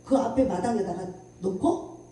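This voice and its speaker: A woman pastor giving a revival sermon with a personal testimony, telling it in an animated way, acting out voices and laughing often, recorded from far off in an echoey hall. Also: mid-range voice, normal speed, a little hiss or hum. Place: church prayer house at a revival meeting.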